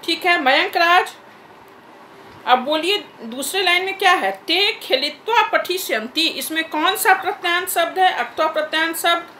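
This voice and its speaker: A woman's voice: very high-pitched, normal speed, sharp tone, reverberant, a little hiss or hum, low-quality recording. A woman teacher leading an online class over a video call, patiently repeating corrections and calling on students by name.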